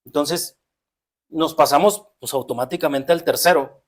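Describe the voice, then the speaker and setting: A man's voice: fairly high pitch, moderate pace. Reflective Mexican man on a podcast. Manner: reflective, explains at length with many restarts. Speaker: podcast co-host. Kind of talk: casual podcast conversation.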